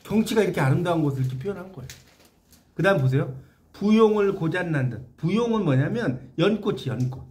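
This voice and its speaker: A man with a high voice teaches a class, his pitch rising and falling in wide, lively swings. He keeps turning to the room with questions and explains each line of a classical poem in plain words. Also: fast talker. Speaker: literature lecturer. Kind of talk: classroom lecture on classical poetry.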